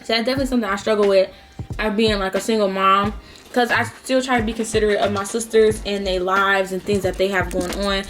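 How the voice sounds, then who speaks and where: A woman's voice: medium pitch, steady tone, quick pace, fairly bright tone, faint music behind. A young adult woman talking casually to camera as a vlogger, sharing personal advice. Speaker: mukbang vlogger.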